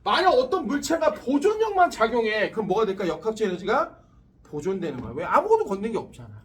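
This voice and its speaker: Recorded from a distance, a man with a high voice talks quickly while teaching a physics class. His lecture is animated and full of crude slang, with stories between lessons in which he acts out quoted voices.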